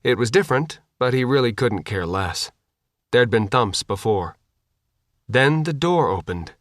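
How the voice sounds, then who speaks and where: A man's voice: medium pitch, expressive, unhurried, a bit bright, no room sound, clean studio sound. Plain matter-of-fact male audiobook narrator.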